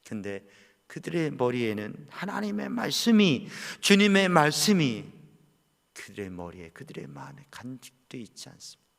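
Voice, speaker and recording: A man preaching a sermon as pastor, swinging between loud impassioned cries and quiet low asides. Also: sing-song, normal speed, gravelly. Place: church sanctuary. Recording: long church-hall reverb.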